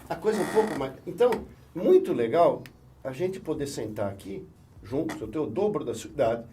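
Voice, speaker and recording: Warm-voiced middle-aged Brazilian doctor, distant mic. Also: male voice, fairly high pitch, lively intonation, slight background noise. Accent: Brazilian Portuguese. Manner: measured, explaining with examples. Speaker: physician guest. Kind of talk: explanatory conversation.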